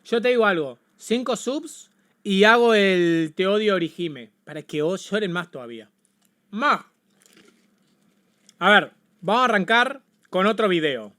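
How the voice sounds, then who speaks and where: A man with an Argentine accent reacting on a casual livestream, excitable and swearing, often repeating himself. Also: high-pitched, unhurried. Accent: Argentine Spanish. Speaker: streamer.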